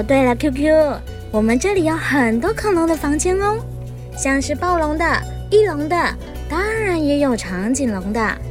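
A woman playing a friendly, expressive big-sister museum guide in a children's audio story. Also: sits high. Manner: chatty, expressive, sentence-final particles.

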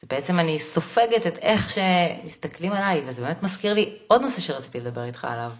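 A woman's voice: deep voice, animated, lo-fi sound. A woman hosting a podcast interview, laying out her points step by step and affirming her guest often. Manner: frequent short affirmations, explains points in orderly steps. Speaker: podcast host. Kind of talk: interview conversation.

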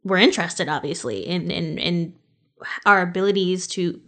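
A woman's voice: fairly low pitch, moderate pace, a bit bright. A woman hosting a podcast, chatting casually about con artists, laughing often and swearing now and then. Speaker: podcast host.

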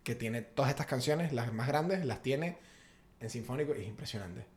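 A man with a Venezuelan Maracaibo accent chats casually as a podcast co-host. His voice sits at an ordinary middle pitch. He talks in an animated, slangy way and keeps reaching for fillers. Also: moderate pace. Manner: animated, slangy, full of fillers like "tipo" and "o sea". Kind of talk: casual chat.

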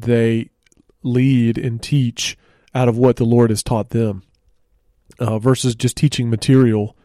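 A man hosts a church teaching podcast in a relaxed, conversational way, often pausing on fillers. His voice is mellow and warm at a middle pitch. The studio sound is dry and close. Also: dry recording. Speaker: church ministry host.

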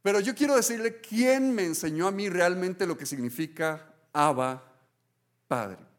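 A man preaching a sermon as a pastor. He tells stories earnestly, often restarts and adds "right?" tags, and swings between hushed and excited delivery. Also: sits high, moderate pace. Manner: earnest storytelling, many restarts and "¿verdad?" tags. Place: church.

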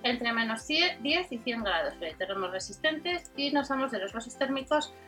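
A woman's voice: a little high, sing-song, normal speed, pushed and bright, soft background music. A woman with an accent from Spain doing an informal product rundown as a channel host, reading out specs and prices item by item. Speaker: host of a shopping video channel.

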